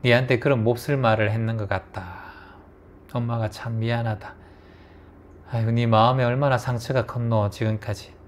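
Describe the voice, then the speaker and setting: A man voicing an aging mother with a Gyeongsang accent who gently apologizes to her daughter in a hushed, tender way. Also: medium pitch, steady tone, moderate pace, a little hiss or hum, natural voice. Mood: remorseful. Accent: Gyeongsang Korean.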